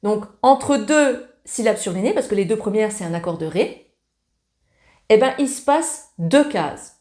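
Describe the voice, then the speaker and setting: A woman's voice: medium pitch, animated, unhurried. A woman giving a casual ukulele lesson, talking in a chatty, familiar way while strumming along. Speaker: ukulele teacher. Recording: loud ukulele playing along.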